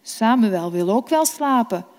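Slow, gentle woman storyteller. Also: a little high, animated. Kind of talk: children's Bible story reading. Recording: long reverb.

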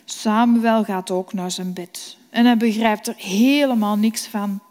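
Slow, gentle woman storyteller. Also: mid-range voice, fairly even intonation. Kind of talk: children's Bible story reading. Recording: long reverb.

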